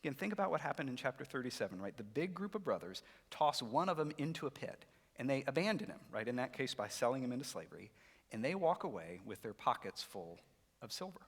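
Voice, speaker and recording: Animated male preacher in a reverberant hall. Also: mid-range voice, fast, slightly rough. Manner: animated storytelling, acts out voices. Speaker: pastor. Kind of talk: sermon. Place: church sanctuary.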